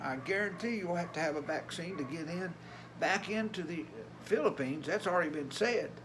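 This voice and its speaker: Older male vlogger, Appalachian Tennessee accent, notably high-pitched voice, folksy and plainspoken, some background noise. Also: normal speed. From Tennessee, USA. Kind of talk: casual vlog talk.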